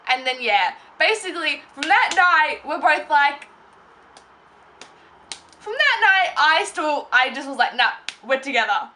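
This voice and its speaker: Brief: young woman, vlogger, rambly casual story time, high voice. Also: very animated, a little slow, pushed and bright, slight background noise. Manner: rambling, filler-heavy, self-interrupting.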